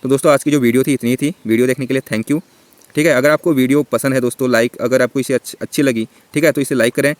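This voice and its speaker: A man teaching an exam-prep grammar lesson, who keeps checking in with his listeners and stretches vowels out slowly to show them. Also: mid-range voice, fairly even intonation, dry recording. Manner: repeats "theek hai" and "doston" constantly.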